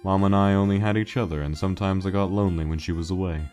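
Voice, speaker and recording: In a dramatic comic dub, a man voices a low, weary male skeleton monster telling his story over faint music. The character is a guilt-laden joker, subdued, wistful, and reflective, speaking haltingly in a natural, darkish voice with fairly even intonation.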